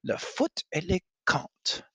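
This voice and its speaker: A man voicing an earnest young French princess who mixes halting French and English words. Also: sharp tone, no echo. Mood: eager, scandalized.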